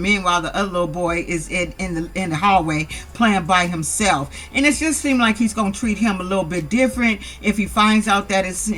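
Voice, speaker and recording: A casual reality TV recap vlog, delivered in a voice of ordinary middle pitch. The speaker is blunt and heavily profane, with sassy, exasperated asides throughout. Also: a bit bright. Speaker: reality show recap vlogger.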